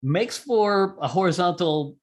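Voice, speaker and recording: With a high-pitched, expressive voice and an unhurried delivery, a male interview guest lays out a technical procedure step by step. He's an amateur radio operator and skydiver, speaking conversationally and correcting himself as he talks.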